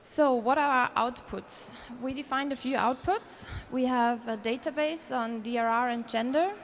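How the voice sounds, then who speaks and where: At a moderate pace, an Austrian woman with a high voice presents earnestly to a conference hall audience, stopping to restart and self-correct along the way. There's a bit of background noise.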